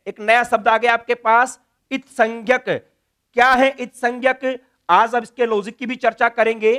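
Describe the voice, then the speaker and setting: A man's voice: extremely high pitch, a bit bright, smooth. A man teaching Sanskrit grammar in a classroom lecture, drilling letters one by one and answering his own questions.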